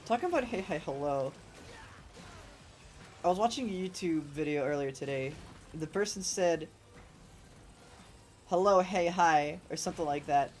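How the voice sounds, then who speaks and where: A woman game streamer with a sore, rough throat, chatting in a rambling, casual way and swearing freely while she plays. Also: low-pitched, animated, moderate pace, pauses often, darkish tone, a little hiss or hum. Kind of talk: casual let's-play commentary.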